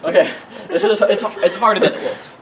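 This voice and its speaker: A man's voice: sits high, brisk. A man hosting his own video channel, chatting casually to the camera. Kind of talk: casual vlog chat to camera. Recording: noisy home-video sound.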